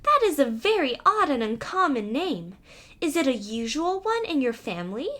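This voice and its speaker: Woman voicing a high-pitched, earnest little storybook mouse. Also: very animated, normal speed, fairly bright tone. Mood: puzzled. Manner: exclaiming, wondering, earnest. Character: small naive trusting female mouse, anxious and curious.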